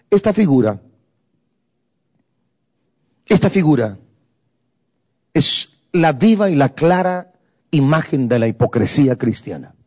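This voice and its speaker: A man's voice: on the high side, lo-fi sound. A man preaching a sermon, emphatic and repetitive, slipping into English phrases.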